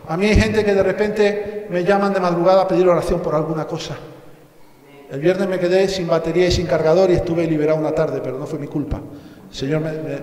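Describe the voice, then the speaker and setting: A man's voice: on the high side, a little mellow. A man from Spain preaching a sermon as pastor, telling humorous stories and acting out the dialogue. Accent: Spanish from Spain. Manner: storytelling, jokey asides, acts out dialogue. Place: church hall. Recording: echoey hall with long reverb.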